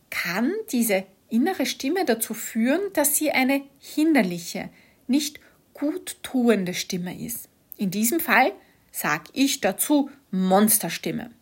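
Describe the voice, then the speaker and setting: Woman teacher, melodic and animated, unhurried, encouraging and full of questions. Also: high voice, husky. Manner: warm, encouraging, asks many rhetorical questions. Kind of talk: gentle instructive talk to one listener.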